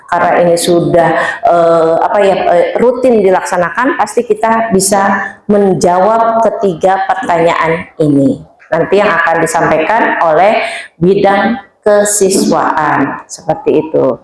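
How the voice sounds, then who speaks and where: A woman presenting school programs to her colleagues at a staff meeting, speaking to them directly and going through her points in order. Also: mid-range voice. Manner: addresses colleagues directly, lists items in order. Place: school hall or meeting room. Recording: very echoey room.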